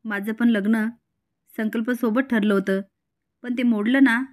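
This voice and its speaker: A young mother gently coaxing her former husband to come back in a retold soap story, played by a woman narrator. The voice is high and soft-edged. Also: steady tone, unhurried, natural voice.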